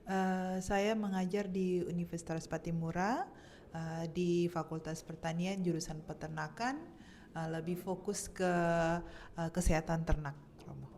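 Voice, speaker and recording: A woman's voice: lowish voice, steady tone, measured pace, a little mellow, a little hiss or hum. A woman from Maluku in her thirties, a PhD student answering interview questions politely, with many hesitant fillers. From Maluku, Indonesia. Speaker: guest, PhD student and lecturer.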